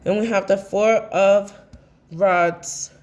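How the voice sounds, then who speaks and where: A woman's voice: medium pitch, fairly even intonation, slow pace, a little mellow. Blunt, cursing woman reading tarot. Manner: blunt, impassioned, swears freely; rambling, talks straight to camera. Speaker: tarot reader. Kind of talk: casual tarot reading monologue.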